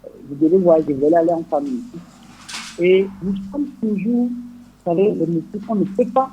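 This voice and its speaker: A man's voice: high-pitched, normal speed, mellow. A man calling in to a radio show over the phone, asking his questions hesitantly with many fillers and restarts. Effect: radio show caller heard over a phone line. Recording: muffled phone line with faint noise.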